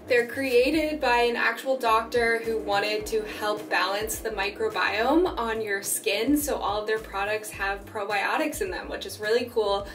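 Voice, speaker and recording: A chatty young woman with a fairly high, slightly raspy voice talks easily to the camera while she moves around her small apartment kitchen. Her speech is loose and relaxed, sprinkled with "like" and "um", with soft music playing faintly behind her. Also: a little slow, hardly any pauses, low-quality recording. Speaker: vlogger. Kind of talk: casual chatty vlog.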